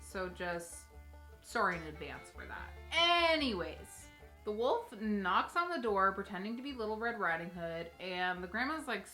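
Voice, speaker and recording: This host and storyteller speaks in a mid-range voice with a sharp edge. She chats to her viewers through a lighthearted, funny version of a fairy tale, adding dry side comments. Faint music plays behind her.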